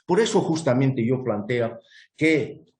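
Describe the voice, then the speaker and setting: A man's voice: mid-range voice, animated, slow pace, darkish tone. Man, guest panelist, earnest and argumentative, fillers and restarts, echoey room. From Bolivia. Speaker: guest speaker presenting a proposal. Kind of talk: online panel talk.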